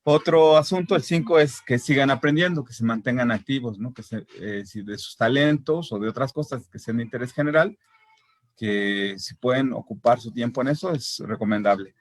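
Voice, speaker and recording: A man with a mid-pitched voice speaks as a parent on a discussion panel. He works through a list of points, pausing on fillers. The sound is dry and close to the mic. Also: dry recording. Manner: hesitant, many fillers and tag questions. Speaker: parent guest. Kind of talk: casual panel chat.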